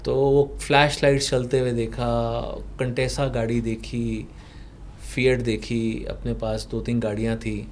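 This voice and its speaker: A man whose first language is Punjabi, a past life regression therapist in a podcast interview, recounting a client's session slowly with rhetorical questions. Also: mid-range voice, flat delivery, a little hiss or hum. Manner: slow, explanatory storytelling with rhetorical questions.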